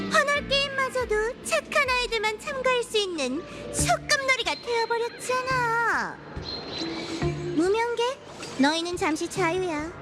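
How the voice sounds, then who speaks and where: A woman playing a taunting young trickster idol in a game, theatrical, teasing and possessive. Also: very high-pitched. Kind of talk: scripted game voice acting. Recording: loud music behind the voice.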